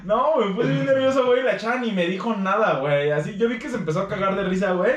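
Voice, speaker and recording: A young man with a Mexican accent telling a funny story in casual chat, slangy and animated, often laughing. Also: high-pitched, fast talker. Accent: Mexican Spanish. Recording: roomy, distant mic.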